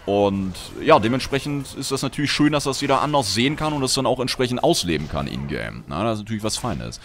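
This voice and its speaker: A man from Germany chatting casually while streaming a game, reading out chat messages and swinging between grumbling and excited outbursts. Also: medium pitch, fast. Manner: reads out chat messages and answers viewers. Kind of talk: casual livestream gameplay chat.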